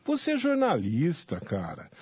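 A man's voice: a little high, huge pitch swings, a little slow, darkish tone, slightly rough, no echo. A man with a Brazilian Portuguese accent, a political commentator arguing indignantly in a heated on-air debate and repeating his point. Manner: indignant, insistent, repeats himself.

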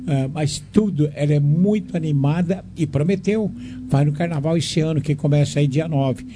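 A man's voice: fairly high pitch, moderate pace, background noise. An older Brazilian man hosting a radio talk show, chatting fondly with callers and adding preachy asides. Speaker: radio host.

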